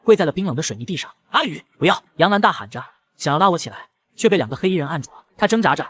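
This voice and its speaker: A man narrating a dramatic first-person story in a quick, scripted manner. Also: a little high, animated, a bit bright.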